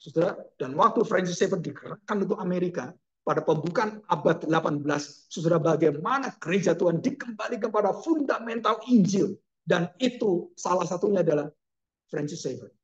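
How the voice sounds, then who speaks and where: A man's voice: high voice, lively intonation, fairly quick, muffled recording. A man preaching a sermon, telling a story expressively with emphatic exclamations and ending in prayer. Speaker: pastor.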